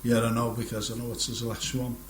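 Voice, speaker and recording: A man's voice: medium pitch, little pitch movement, fairly quick. A middle-aged man hosting a casual radio chat show, rambling and joking and laughing often.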